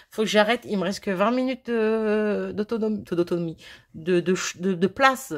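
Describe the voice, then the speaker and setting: Woman, chatty and bubbly, mid pitch, filmed on a phone. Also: measured pace. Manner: chatty, bubbly, self-mocking, gushing over items. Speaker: craft vlogger unboxing mail. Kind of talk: casual chat to viewers.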